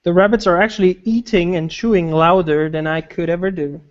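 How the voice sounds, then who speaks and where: High-voiced man, joking casually. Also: fairly even intonation, fairly quick. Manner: crude, teasing, searching for words. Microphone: online group call microphone. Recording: dull, lo-fi call audio.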